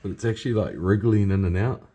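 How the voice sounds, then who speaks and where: Low-voiced man with broad Kiwi accent. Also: fast talker, dark tone, slight background noise. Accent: New Zealand. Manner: laid-back, slangy, sweary. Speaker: vlogger and drift car driver. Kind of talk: casual video diary.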